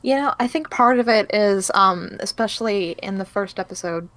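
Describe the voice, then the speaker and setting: A woman's voice: medium pitch, moderate pace, fairly bright tone. A woman answering as an interviewed voice actor, chatting casually in a hesitant, thoughtful way and often correcting herself.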